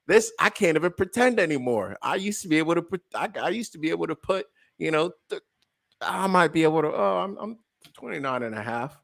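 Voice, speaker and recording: A man in his late twenties co-hosting a podcast, chatting casually in an animated, joking way, with frequent stammered restarts and laughter. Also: fairly high pitch, a little fast, vocal fry. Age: late 20s. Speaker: podcast co-host. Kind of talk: casual chat.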